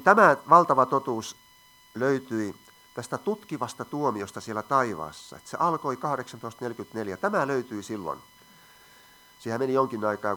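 Male preacher, crisp bright tone, teaching sermon with questions to the room. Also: medium pitch. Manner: asks the audience questions, reads scripture aloud.

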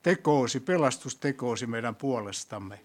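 A man preaching a sermon in a church, asking the congregation questions and rising to loud, emphatic peaks before closing in prayer. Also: mid-range voice, lively intonation.

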